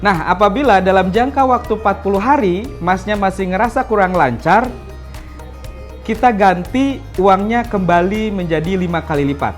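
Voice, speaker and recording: In a promotional interview, a woman representing a school explains things in a relaxed, casual manner, often dropping in "nah" and "gitu kan." Her voice sits at a medium pitch and moves at a moderate pace, with faint music in the background.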